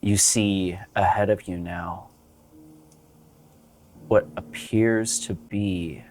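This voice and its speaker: Slow, measured man running a horror game. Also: low voice, fairly even intonation, darkish tone, a little hiss or hum. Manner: slow, measured descriptive narration. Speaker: game master. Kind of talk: narrating a tabletop horror game.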